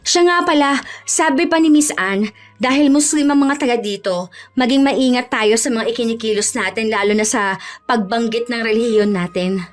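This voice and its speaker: A woman's voice: fairly high pitch, moderate pace, soft background music, lightly acted. A woman voicing a young wife and fire dancer in a horror radio drama. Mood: hopeful.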